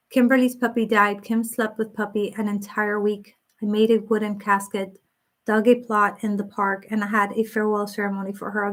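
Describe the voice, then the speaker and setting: Gentle, sympathetic woman on a psychic live stream. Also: fairly high pitch. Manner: gentle and sympathetic, comforting viewers; talks in loose, restarting sentences with many fillers. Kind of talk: casual live-stream chat, reading viewer comments aloud.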